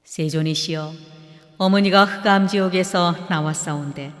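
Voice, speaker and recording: A man's voice: sits high, steady tone, normal speed, fairly bright tone. A devoted young monk disciple, read by a man, pleading in a reverent, formal tone. His voice rings out with a long hall reverb.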